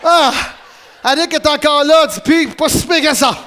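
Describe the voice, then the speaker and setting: A man with a Quebec French accent, telling a comic story in an excitable way, laughing and letting out yelps. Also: very high voice, moderate pace, slight background noise. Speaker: radio host.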